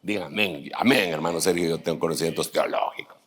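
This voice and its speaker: A man's voice: low-pitched, fast, fairly bright tone. A man, teaching pastors in a conversational sermon, reading scripture aloud and adding joking asides.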